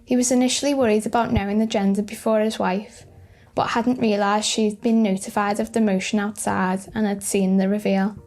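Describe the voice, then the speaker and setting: A woman's voice: medium pitch, little pitch movement, a little fast, a little mellow. A woman reading scripted narration for light news video clips. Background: music.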